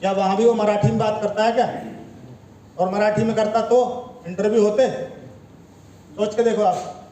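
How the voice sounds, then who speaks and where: A high-pitched man with a mellow tone delivers a motivational training talk. He lectures the room and keeps asking rhetorical questions. His voice echoes in a roomy hall with a faint background hum. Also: level tone, moderate pace, long pauses. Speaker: network marketing trainer.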